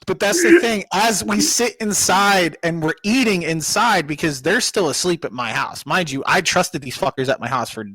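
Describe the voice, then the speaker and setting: Animated young man telling a profane story. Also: high-pitched, moderate pace, few pauses, breathy edge. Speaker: podcast co-host. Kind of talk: casual chat.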